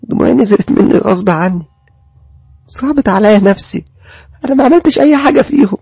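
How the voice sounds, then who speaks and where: A man with an Egyptian accent and a raspy voice narrating a horror story in a brooding, confessional first-person way. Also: high voice, animated, fast, warm tone, dry recording, clean studio sound.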